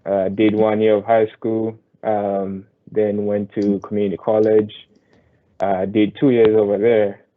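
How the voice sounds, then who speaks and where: A young man from Zambia, a student ambassador introducing himself on a panel in a halting way, with many fillers. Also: fairly low pitch. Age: young adult. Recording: tinny phone-like call audio.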